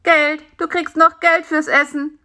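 A woman voicing a cheeky, bossy little male fly in a children's audiobook, talking high and excitedly. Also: unhurried. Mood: indignant.

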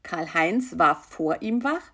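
Calm woman reading a children's story. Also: lowish voice, husky. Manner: calm, slow, soft narration.

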